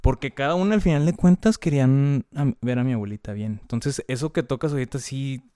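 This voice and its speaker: A man's voice: mid-range voice, a little fast, warm tone, dry recording, clean studio sound. A man with a Mexican accent talking casually and candidly about family loss, with heavy slang and filler words. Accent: Mexican Spanish. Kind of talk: casual conversation.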